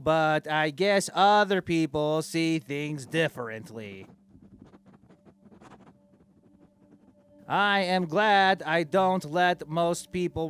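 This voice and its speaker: High, smooth-voiced vain tyrant king played by a man, oblivious and deadpan in comic fantasy audio diary. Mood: self-satisfied, musing. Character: vain, childishly oblivious male dark-lord dictator king.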